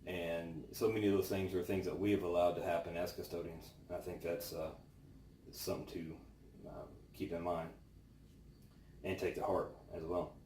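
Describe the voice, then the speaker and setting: Deep voiced guy doing a pensive bible devotional, pauses a lot, recorded a bit far off in an echoey space. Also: level tone, mellow. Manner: slow, pensive delivery with long pauses. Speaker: devotional host. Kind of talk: informal devotional talk, scripture reading and reflection. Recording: roomy, distant mic with faint noise.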